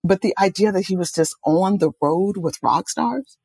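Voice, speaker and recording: This middle-aged Oakland author and music journalist has a gravelly, husky, medium-pitched voice and talks at a normal speed. She's animated and enthusiastic in a conversational interview, telling stories with quoted asides. The sound is dry and clean, like a studio.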